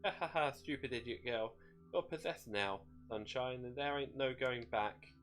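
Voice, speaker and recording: A man's voice: medium pitch, normal speed, a bit bright, soft background music, lightly acted. A man voicing a gleeful, bloodthirsty demon shade, mocking and wheedling in folksy slang as in a dramatic story. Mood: gloating.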